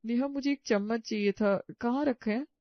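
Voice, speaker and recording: A woman's voice: on the high side, normal speed, dry recording, natural voice. A woman voicing a teasing young sister-in-law who talks in a chatty, mocking way, on a dull, lo-fi recording. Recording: dull lo-fi sound.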